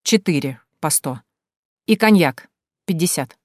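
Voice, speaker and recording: A woman voicing a gruff middle-aged man giving brisk orders in an audiobook. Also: sits low, lively intonation, darkish tone, dry recording, clean studio sound. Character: gruff middle-aged male boss, host of house.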